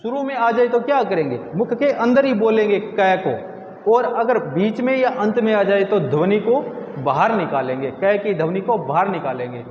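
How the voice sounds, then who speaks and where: Male grammar teacher, high voice, asks and answers his own questions, echoey room with a dull lo-fi sound. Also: expressive, a little hiss or hum. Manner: asks students questions and answers them himself, repeats words slowly. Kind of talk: video lesson.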